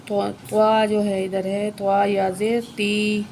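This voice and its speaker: A woman teaching Quran reading word by word, explaining each letter and then reciting slowly and drawn out. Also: mid-range voice, level tone, a little mellow, a little hiss or hum.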